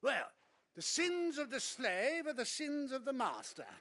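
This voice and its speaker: A man's voice: very high-pitched, big pitch swings, a little slow, fairly bright tone, exaggerated voice. A man playing a haughty, sneering, cruel nobleman father in a video game, pompous and indignant in manner. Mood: haughty anger.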